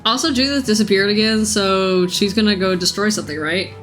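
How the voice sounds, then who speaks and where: A woman streaming her playthrough of a video game, chatting casually and joking at herself, with a voice a little rough from being sick. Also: mid-range voice, a little fast, a bit bright, faint music behind. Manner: chatty, self-mocking, laughs often. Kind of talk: casual let's-play commentary.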